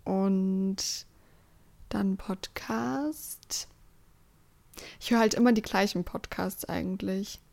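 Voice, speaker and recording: A woman's voice: mid-range voice, steady tone, normal speed, vocal fry, few pauses, a little mellow. A young woman co-hosting a podcast in casual chat, talking freely with frequent small laughs and filler words. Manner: chatty, laughs often, trails off with fillers. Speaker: podcast co-host.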